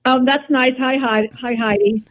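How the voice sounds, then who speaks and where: A woman's voice: high voice, fairly even intonation, normal speed, no echo. A woman from New Jersey chatting casually as a caller on a radio phone-in. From New Jersey, United States. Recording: dull lo-fi phone call.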